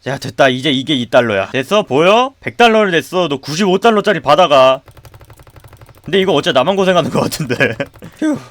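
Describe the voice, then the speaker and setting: A man commentating his own game play, loudly mock-scolding the customers, then muttering to himself. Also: on the high side, fairly quick, no room sound. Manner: excitable, swings from loud outbursts to muttering. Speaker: gaming streamer.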